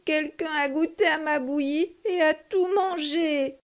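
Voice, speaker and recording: A woman's voice: sits high, unhurried, voice pushed up. A woman voicing a tiny whining baby bear in a storybook reading.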